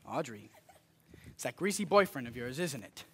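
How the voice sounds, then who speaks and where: A teenage boy acting as a gruff, complaining flower shop owner on a school stage. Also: mid-range voice, big pitch swings, moderate pace. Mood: muttering. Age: teens. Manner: gruff, complaining, shouts at staff. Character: grumpy middle-aged male flower shop owner. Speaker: stage actor. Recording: live stage recording.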